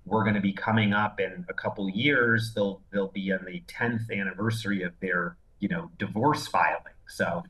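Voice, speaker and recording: A man in his forties speaks over a video call from an indoor room. His voice sits a little low, and he lays out a news story in a relaxed, conversational way, leaning on "you know" as he goes. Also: moderate pace, few pauses, poor audio. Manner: conversational, explains step by step with many "you know"s. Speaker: entertainment news editor. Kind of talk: remote news interview. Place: indoor room with framed poster behind.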